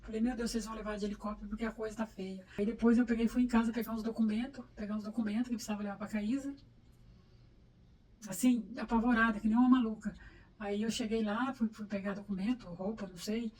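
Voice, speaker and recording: Brazilian mom, middle-aged, talks fast and nervous, kinda far from the mic. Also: female voice, a little high, steady tone, a little mellow. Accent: Brazilian Portuguese. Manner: anxious, fast, stumbling repeats. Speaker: interviewee, mother. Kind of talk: personal storytelling.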